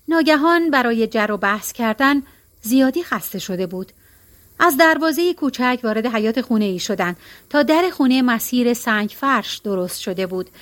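A woman reading a story aloud as narrator, calm and even. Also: fairly high pitch.

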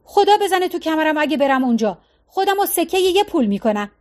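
A woman's voice: high-pitched, big pitch swings, a little mellow, pitched above the performer's own voice. A woman doing a sulky young son. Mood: stubborn. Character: sulky young adult son, stubborn and anxious.

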